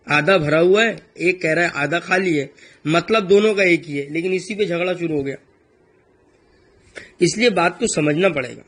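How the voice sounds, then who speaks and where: A man with a high-pitched voice preaches a religious talk. He drives his points home with emphatic repetition. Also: a bit bright. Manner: emphatic, repeats phrases for stress.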